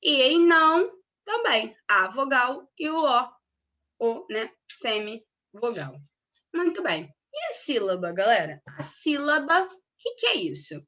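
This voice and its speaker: A young woman teaching a recorded grammar class with a bright, clear voice. Her pitch swings widely as she leans hard on key words, and she keeps checking in with her students. Her delivery stays explanatory and upbeat. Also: big pitch swings, unhurried.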